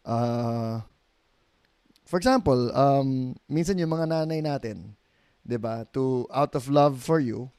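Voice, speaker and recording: In a clean, dry, studio-quality recording, a middle-aged Filipino pastor speaks slowly at medium pitch. As a guest on a casual podcast chat, he tells stories animatedly, acting out quoted voices and laughing easily.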